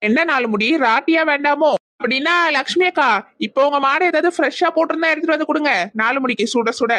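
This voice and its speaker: A woman's voice: high voice, fast, fairly bright tone, no room sound. A woman voicing a cheeky village woman in a cartoon who teases and mocks the others. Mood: teasing. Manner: mocking, teasing.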